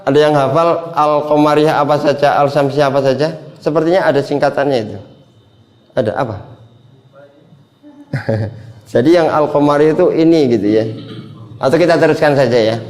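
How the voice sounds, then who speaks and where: A man leads an Arabic grammar class with a fairly high voice, repeating each word patiently and calling on students by name. The sound bounces around a roomy classroom. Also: brisk, long pauses, a little mellow.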